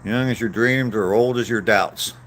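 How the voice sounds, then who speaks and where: At a moderate pace, a man in his sixties rambles casually while walking outdoors, answering his live chat as a vlogger in a meandering, self-deprecating way. His voice is fairly low in pitch and a bit bright, and a little hiss or hum can be heard.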